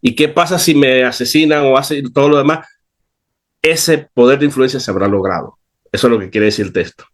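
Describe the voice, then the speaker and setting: A man's voice: mid-range voice, fairly quick. A man giving a conversational Bible teaching, earnest and emphatic in a preacherly way.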